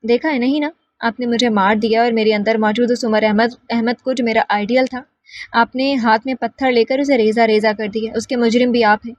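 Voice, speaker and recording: A woman's voice: on the high side, fairly even intonation, darkish tone, dry recording, natural voice. A woman reading a bitter proud young medical student. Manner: cold, cutting replies.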